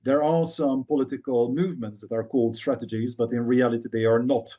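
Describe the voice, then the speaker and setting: Hungarian guy on a webinar panel call, mellow low-key voice, careful academic talk with restarts. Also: fairly even intonation, dull audio. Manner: measured, academic, with frequent restarts. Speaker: panel discussant. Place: Budapest, remote video call.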